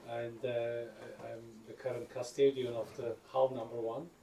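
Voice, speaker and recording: Flat, mellow man with many pauses. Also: medium pitch, slight background noise. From Turkey. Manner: hesitant, many uh fillers. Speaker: sailor giving thanks. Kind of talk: short thank-you speech. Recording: echoey room, far from mic.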